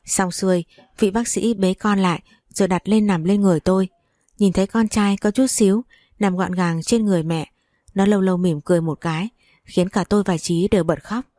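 A woman's voice: mid-range voice, steady tone, fairly quick, warm tone, no room sound, clean studio sound. A woman narrating a first-person story in a chatty, wry storytelling manner.

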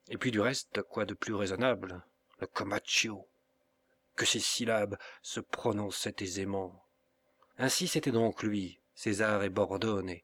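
A man reading a classic novel aloud as an audiobook narrator, in a slow, measured and expressive way. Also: fairly low pitch. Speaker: audiobook reader.

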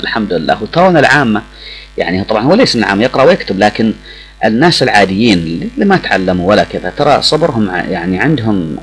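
A man's voice: lowish voice, fairly bright tone, poor audio. A middle-aged man, speaking emotionally on the radio with many hesitations and restarts. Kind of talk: reflective personal talk.

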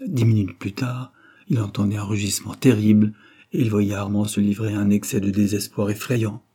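Mellow, husky-voiced male audiobook narrator. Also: lowish voice. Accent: French. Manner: measured, expressive reading. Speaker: audiobook reader. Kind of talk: scripted narration of a classic novel.

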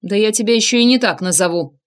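A woman's voice: mid-range voice, expressive, brisk, natural voice. A woman reading the part of an impatient former paratrooper teaching someone to drive in an audiobook. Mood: shouting. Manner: barking commands, blunt. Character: impatient ex-paratrooper man, gruff, quick to shout.

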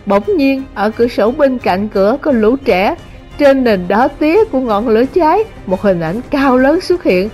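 A woman narrating a translated novel as an audiobook, in a measured, dramatic reading. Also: fairly high pitch, expressive, a little mellow, faint music behind. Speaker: audiobook reader.

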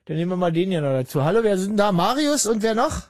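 A man's voice: sits high, sing-song, fast, darkish tone, no room sound, studio quality. A man hosting a call-in radio show, joking bluntly with his callers. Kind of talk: casual call-in radio chat.

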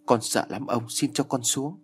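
A man's voice: fairly low pitch, very animated, normal speed, a little hiss or hum. A man voicing a terrified, pleading young woman. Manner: crying and pleading.

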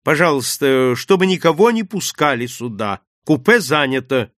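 A man voicing a sly male villain who speaks coolly and unhurriedly, with mocking calm. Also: mid-range voice, dry recording, clean studio sound. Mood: cold calm. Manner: cool, unhurried, sneering. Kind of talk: audiobook character voice.

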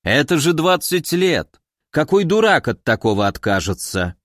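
A man voicing a grumpy, tiny, ancient hermit who speaks slowly and gruffly and barks demands, in a dry storybook reading. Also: a little high, very animated, a bit bright, no room sound. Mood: excited.

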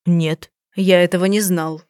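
A woman's voice: lowish voice, steady tone, measured pace, a little mellow, dry recording, clean studio sound, close to an everyday voice. A woman reading the lines of a grieving, remorseful young husband who keeps exclaiming in an audiobook. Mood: guarded. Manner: agitated, exclaiming. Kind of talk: audiobook dialogue.

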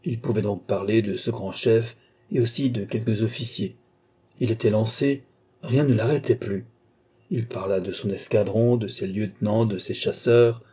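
A man narrating a short story in a measured storytelling manner. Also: on the low side, warm tone, husky.

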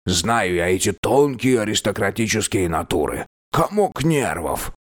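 A man voicing a slow-spoken undead old king. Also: on the low side, sing-song. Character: dead mummified old male king, cheerful and curious.

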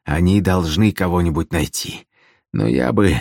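A hungover middle-aged minstrel groans and whines every complaint, as a man acts him out. The voice sits deep and low, recorded dry and close for a storybook reading. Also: a little slow, creaky, darkish tone, dry recording, exaggerated voice. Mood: groaning.

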